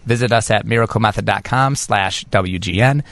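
A man's voice: on the low side, moderate pace, fairly bright tone, no room sound. A man on a radio show, speaking for a refinishing company in an upbeat sales manner. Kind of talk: casual radio talk.

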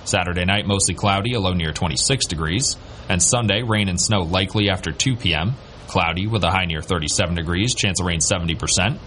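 A man's voice: low voice, brisk, sharp tone. A man working as a local radio announcer, reading a scripted news, traffic and weather bulletin.

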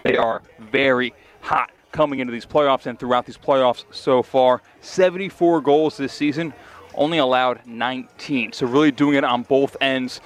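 A man co-hosting a live high school sports broadcast, giving steady, stat-driven analysis. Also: moderate pace. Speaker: radio sports co-host analyst.

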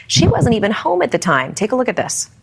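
A woman hosting a casual news talk show, telling stories in an animated, chatty way. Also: on the high side, fast, creaky, heavy background noise. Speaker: host.

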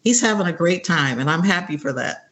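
A woman's voice: lowish voice, expressive, a little fast, fairly bright tone. A woman of seventy is a guest on a radio talk show. She speaks casually and upbeat and often breaks into laughter. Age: 70s. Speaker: interview guest. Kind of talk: casual interview chat.

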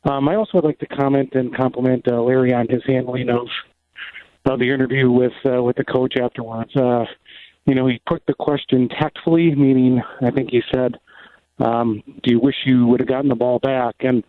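A man's voice: mid-range voice, steady tone, brisk, no room sound. A man calling in to a sports radio show, talking hesitantly with many ums and restarts. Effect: phone line call into a radio show. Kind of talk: call-in comments to a sports talk show. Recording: tinny dry phone line.

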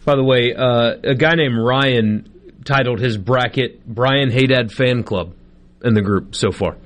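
A man's voice: mid-range voice, a little slow. An American man hosting live sports talk radio in a casual, conversational way, spelling out details for listeners.

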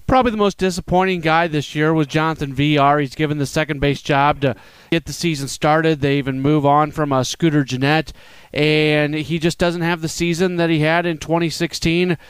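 A man's voice: on the high side, steady tone, moderate pace, smooth, no room sound. A man guesting as a sports writer on a baseball podcast, talking in a direct, analytical way. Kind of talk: casual baseball talk.

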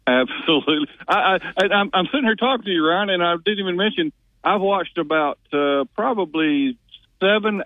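A man's voice: on the high side, no room sound. A man calling a sports talk radio show from outside in his yard, stammering and repeating words, over a tinny phone line. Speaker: caller. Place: outdoors in a yard.

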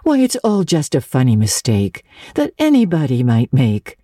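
A woman voicing a merry, kindly minister's wife in a storybook, gentle and reassuring. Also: very deep voice, wildly swooping pitch, moderate pace, dry recording, studio quality, exaggerated voice. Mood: gently comforting.

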